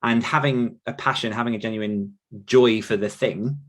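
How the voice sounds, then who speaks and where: His medium-pitched voice stays steady at a normal speed as this British man in his thirties, an author appearing as a podcast guest, tells rambling stories in a casual, reflective way.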